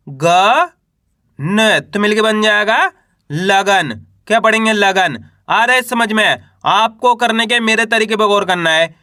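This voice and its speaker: A man with a high, bright voice runs a patient reading lesson. He spells out each letter, then blends them into a word and asks the learners to repeat it. The recording is dry and close, with no room sound. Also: no room sound. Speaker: Hindi reading teacher.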